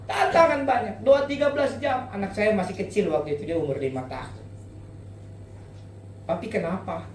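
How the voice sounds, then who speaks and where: A man's voice: very high-pitched, a little hiss or hum. Man preaching in an echoey hall. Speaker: pastor. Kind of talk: sermon. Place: church hall. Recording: echoey hall, distant mic, faint background ambience.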